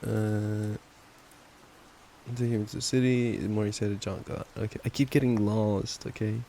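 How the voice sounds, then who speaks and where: A young man performs an affectionate, playful ASMR boyfriend roleplay, reading a bedtime story with stumbles and giggly asides. His lowish voice has little pitch movement, a dark tone, and a measured pace. Rain ambience fills the noisy track.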